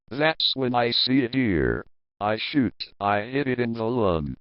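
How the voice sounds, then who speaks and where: A man reading a first-person horror story aloud in a slow, measured narration. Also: mid-range voice, smooth, no echo, muffled recording.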